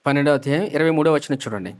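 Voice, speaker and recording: Pastor guy preaching, high voice, keeps asking the crowd questions and repeating stuff. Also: rapid-fire. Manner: call-and-response questions to the congregation, repeating key phrases. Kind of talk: sermon.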